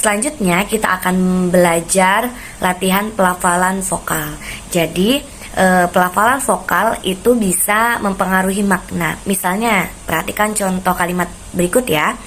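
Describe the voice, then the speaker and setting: A woman giving an instructional lecture, setting out her points in order in a measured way with deliberate pauses. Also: lowish voice, steady tone, fairly bright tone. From Indonesia. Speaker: lecturer presenting a course module. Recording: noticeable background noise.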